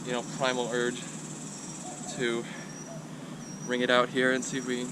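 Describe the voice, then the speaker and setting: A man talks casually to a camera for his vlog. His voice sits at an average pitch. The recording is outdoors, with clear ambient noise. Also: monotone, moderate pace. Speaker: vlogger.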